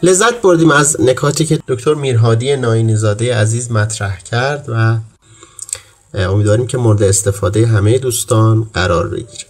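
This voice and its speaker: A man hosting a literary talk programme in a formal, courteous manner. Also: medium pitch. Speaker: host.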